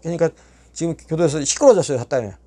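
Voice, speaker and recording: Middle-aged male storyteller, quick and animated, acts out dialogue, salty language. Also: on the high side. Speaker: YouTube storyteller. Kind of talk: casual storytelling.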